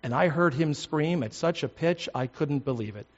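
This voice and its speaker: An older man, a pastor, preaching a sermon in a measured, deliberate way, stressing words one by one. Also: fairly high pitch, highs cut off.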